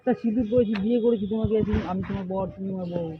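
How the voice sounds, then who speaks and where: A man's voice: high voice, steady tone, very fast. A man running a prank, pleading and coaxing, repeating the same questions again and again. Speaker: prankster vlogger. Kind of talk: staged prank argument. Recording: muffled phone audio with loud background noise.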